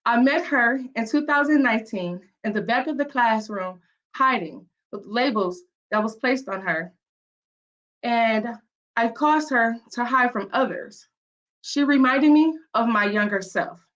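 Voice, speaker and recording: A woman with a Mississippi accent gives an earnest, storytelling business pitch in a fairly high voice. She comes through a video call, and the sound is dull and lo-fi. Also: a little slow, a bit bright. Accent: Mississippi Southern. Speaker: entrepreneur pitching. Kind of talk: rehearsed pitch speech.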